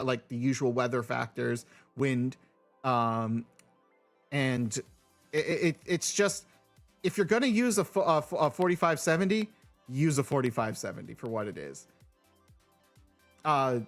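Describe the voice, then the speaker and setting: A man chatting casually on a live stream, rambling with frequent restarts and reading replies to his viewers. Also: medium pitch. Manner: rambling, restarts often, answers chat.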